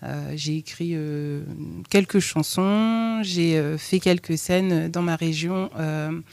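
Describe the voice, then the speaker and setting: A woman from France, an author and therapist, answering radio interview questions in a halting way with many hesitations, in a studio. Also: deep voice, darkish tone, no room sound.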